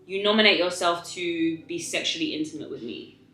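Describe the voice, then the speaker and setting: A young woman telling a story to viewers in a casual, animated, emphatic way, with exasperated rhetorical questions and drawn-out words. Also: fairly low pitch, roomy sound. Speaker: storytime vlogger eating on camera.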